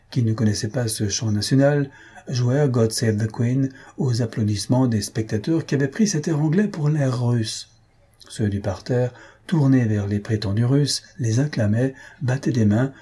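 Male storybook narrator, husky and dark-toned, lively with the shouted lines. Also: moderate pace. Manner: lively, raises pitch for shouted crowd lines. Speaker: audiobook reader.

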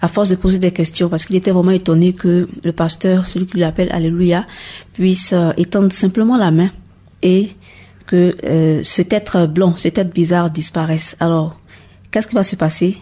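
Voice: mid-range voice, fairly even intonation, moderate pace, warm tone. A radio host interviewing a guest, prompting him with murmured agreement and speaking directly to listeners. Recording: radio studio.

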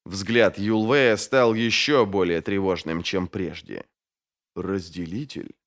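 A man narrating a fantasy audiobook in a dramatic, expressive way. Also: fairly low pitch, slow. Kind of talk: scripted narration.

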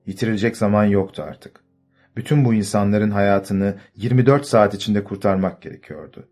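Low-voiced male audiobook narrator. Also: a little mellow. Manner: measured storytelling. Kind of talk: scripted narration. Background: faint music.

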